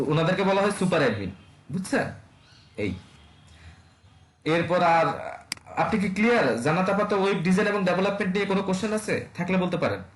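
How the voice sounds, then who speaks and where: Fast-talking man teaching web design. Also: high voice, echoey room. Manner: casual, rapid, full of fillers and checks on students. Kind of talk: online class lecture.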